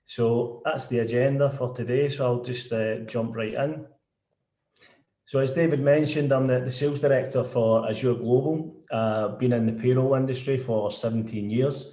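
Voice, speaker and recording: A man's voice: medium pitch, steady tone, normal speed, mellow, reverberant. A man with a broad Glaswegian Scottish accent giving an informal webinar presentation as a guest speaker. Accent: broad Scottish, Glasgow. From Scotland. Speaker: guest speaker, sales director.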